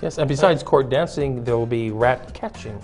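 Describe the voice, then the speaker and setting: A man speaks casually as a talk show co-host. His voice sits at an ordinary pitch, with faint music behind it. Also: moderate pace, a little mellow. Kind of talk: casual chat.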